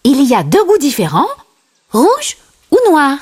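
A woman's voice: sits high, huge pitch swings, measured pace, a little mellow, voice pushed up, exaggerated voice. Timon, a woman doing a chirpy little meerkat. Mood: cheery. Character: chatty, bossy little male meerkat.

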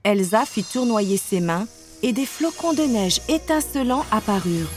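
A woman narrating a children's storybook at a calm, measured pace. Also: fairly high pitch, soft background music. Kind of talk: storybook read-aloud.

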